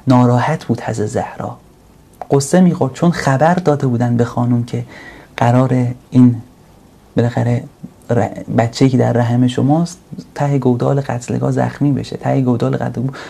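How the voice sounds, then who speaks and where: A man giving an earnest sermon, now and then slowing down and rising in pitch and force to stress a point. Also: fairly even intonation, gravelly, mellow. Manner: earnest, swells to slow emphatic peaks. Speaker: religious speaker.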